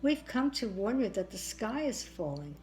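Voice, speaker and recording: A woman's voice: fairly high pitch, very animated, normal speed, a little mellow, soft background music. A woman voicing an earnest little hen from a children's storybook, pleading and insistent. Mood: alarmed, insistent. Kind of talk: children's storybook read-aloud.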